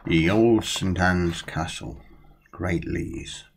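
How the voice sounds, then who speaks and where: An older man reviewing a book in a vlog talks about it casually and reads passages aloud with a storyteller's relish. His voice sits low and he speaks slowly. A close-up webcam captures him in a small room at home, with slight background noise.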